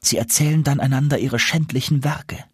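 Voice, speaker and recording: A man voicing an enchanted princess turned into an owl, speaking in a plaintive, soft, husky voice. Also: mid-range voice, steady tone, a little fast, no room sound, studio quality, pitched above the performer's own voice. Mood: confiding.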